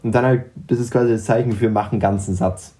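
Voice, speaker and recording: Chatty young man with a mellow voice. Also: on the low side, steady tone, fast. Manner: chatty, stammering restarts, laughs often. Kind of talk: casual chat.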